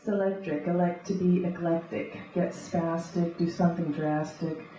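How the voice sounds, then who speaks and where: A woman reading beatnik spoken-word poetry live, in rhythmic, deliberate, short clipped phrases. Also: lowish voice, fairly even intonation, mellow. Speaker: poet and conceptual artist. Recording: echoey live room, distant muffled mic, faint noise.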